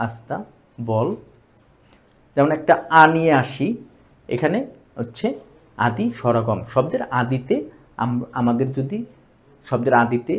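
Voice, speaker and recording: A man with a Bangladeshi Bengali accent teaching a grammar lesson for exam preparation, repeating each term slowly for emphasis. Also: mid-range voice.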